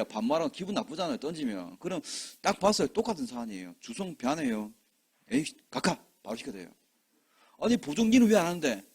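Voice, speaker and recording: A man's voice: medium pitch, husky. A man teaching an exam-prep lecture, who keeps checking whether students follow and acts out short scenes with quoted voices. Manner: lively, rhetorical questions, checks understanding often.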